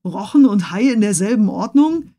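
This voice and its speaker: A blunt, gruff harpooner grumbles and drags out his scornful remarks, as a woman reading a storybook puts him on. The tone stays mellow and soft. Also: medium pitch, lively intonation, moderate pace, soft background music, natural voice. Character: blunt gruff Canadian harpooner, food-minded.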